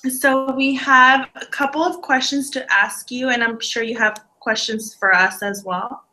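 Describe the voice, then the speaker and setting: Bright-voiced woman interviewer. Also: a little high, fairly even intonation, a little slow, low-quality recording. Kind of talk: casual interview.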